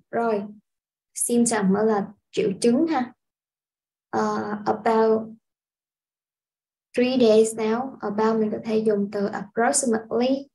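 A woman from Vietnam teaching a casual language lesson, explaining step by step in an unhurried way with frequent filler sounds. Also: on the high side, gravelly, mellow, rough recording. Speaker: English teacher.

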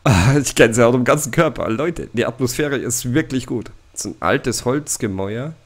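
A man's voice: medium pitch, lively intonation, moderate pace. A man commenting on a horror game he plays, jittery and talking to his viewers with frequent scared gasps. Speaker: let's play gamer.

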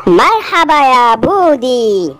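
A woman's voice: sits high, big pitch swings, takes it slowly, fairly bright tone, faint music behind, heavily acted. A woman playing a smug evil girl villain who teases and mocks the hero. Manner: teasing, mocking.

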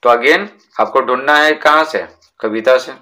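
A man with a bright, forceful voice explains a lesson in Hindi. He reads words slowly, asks the class questions and answers them himself. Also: mid-range voice. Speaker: teacher.

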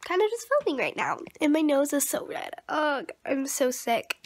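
A 13-year-old girl vlogs from rooms at home, chatting casually and rambling in an informal way. Her voice sits high and sing-song at a moderate pace. The home recording is noisy and handheld, with the camera held at arm's length or propped nearby.

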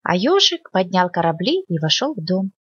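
A woman librarian reading a children's fairy tale aloud in an expressive storytelling manner. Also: moderate pace, husky, no echo. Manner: expressive storytelling, lively pitch. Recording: dull lo-fi dry recording.

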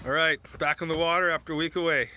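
A man's voice: on the high side, steady tone, quick pace, pushed and bright. Easygoing male fishing guide on a boat. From Canada. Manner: easygoing, coaching, joking. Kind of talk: live-streamed fishing vlog. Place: open boat on a river, outdoors. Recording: outdoor boat noise.

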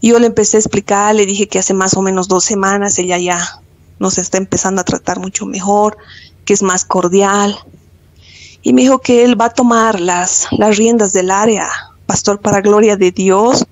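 A woman's voice: medium pitch, fairly even intonation, normal speed, no room sound, rough recording. Earnest Bolivian woman giving testimony. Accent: Bolivian Spanish. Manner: earnest and devout, often addressing the pastor. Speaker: church member giving a testimony. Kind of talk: earnest spoken testimony to a pastor.

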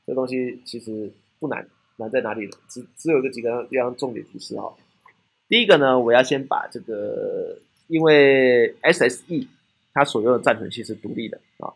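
A man's voice: medium pitch, normal speed, gravelly, slightly rough. A man with a Taiwanese Mandarin accent giving a technical classroom lecture, often asking rhetorical questions and checking in with "right?".

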